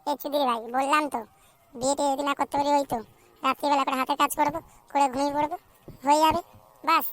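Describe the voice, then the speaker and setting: A woman's voice: high voice, fairly even intonation, a bit bright. A woman voicing a whiny, crude young unmarried man in a cartoon, chattering and complaining. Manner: fast complaining chatter, full of swearing. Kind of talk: cartoon voice acting.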